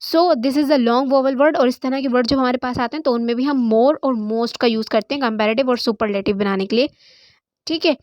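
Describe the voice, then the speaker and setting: Woman grammar teacher, high voice, dry close sound, Hindi-Urdu with English terms. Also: normal speed, a little mellow, dry recording, rough recording. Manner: explains in Hindi-Urdu mixed with English, says "theek hai" often. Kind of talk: online grammar lesson.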